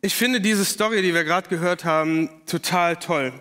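A man giving a casual, lively youth sermon and using slang. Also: high-pitched, normal speed. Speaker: youth pastor. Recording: long hall reverb.

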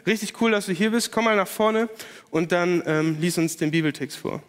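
A man giving a casual, lively youth sermon and using slang. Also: high-pitched, moderate pace, smooth. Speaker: youth pastor. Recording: long hall reverb.

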